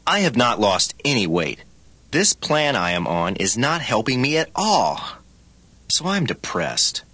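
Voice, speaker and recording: Bright, husky man with swooping delivery. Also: medium pitch, unhurried, no echo. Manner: expressive, swooping line readings. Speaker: dialogue actor in a language lesson. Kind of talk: scripted practice dialogue.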